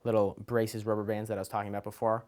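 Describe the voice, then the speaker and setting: A man's voice: fairly low pitch, level tone, fast, darkish tone. A man talking casually as a children's magician, explaining his kit item by item in an informal, loosely improvised, hesitant way. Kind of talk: casual show-and-tell explanation.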